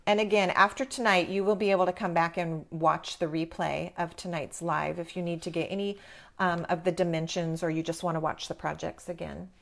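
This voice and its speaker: A woman's voice: on the low side, fairly even intonation, a little fast, creaky, fairly bright tone. A woman hosting a live craft tutorial, talking informally and encouragingly as she explains each step. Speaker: craft class host.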